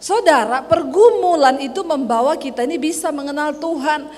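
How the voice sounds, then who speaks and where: A woman from Sulawesi preaching a sermon as pastor, telling animated stories from her own marriage. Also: sits high, normal speed. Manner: animated storytelling, acts out quarrels with her husband. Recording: long hall reverb.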